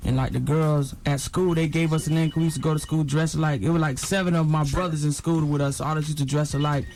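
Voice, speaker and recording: A man's voice: fairly high pitch, fairly even intonation, quick pace, a little mellow, soft background music. A man in his twenties, guest in a group interview, telling a story in a laid-back way. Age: 20s. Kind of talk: casual interview chat.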